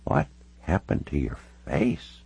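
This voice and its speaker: A man voicing a frail, confused 96-year-old Canadian woman in an audiobook, speaking in a slow, wandering, quavering way. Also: extremely low pitch, very animated, creaky, warm tone, breathy edge, dry recording, heavily acted. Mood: confused, gentle. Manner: drawn-out, wandering speech. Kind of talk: audiobook character voice.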